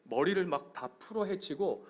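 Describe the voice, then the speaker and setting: Lively, high-voiced male pastor preaching. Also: normal speed. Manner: questions the congregation directly; animated storytelling. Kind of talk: sermon. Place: church sanctuary.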